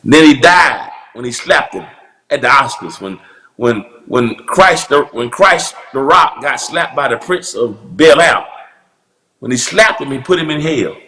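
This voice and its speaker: A man preaching a playful breakdown of sermon clips, drawling and calling out to his listeners. His voice is bright and swings up and down in pitch. The room is echoey. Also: measured pace. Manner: lively, drawling call-and-response. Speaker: pastor.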